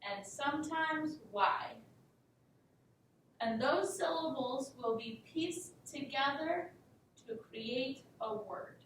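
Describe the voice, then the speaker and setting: High-voiced woman teaching slowly. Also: expressive, fairly bright tone. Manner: slow, patient, instructive. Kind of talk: mock classroom lesson. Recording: echoey room, distant mic, faint rumble.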